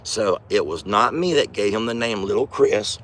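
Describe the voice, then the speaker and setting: Recording on a handheld phone beside a bull pen, a middle-aged farm vlogger talks hoarsely at a normal pace, his voice fairly low and animated. His casual outdoor vlog is folksy and chatty, including soft words to his bull, over a faint steady hiss.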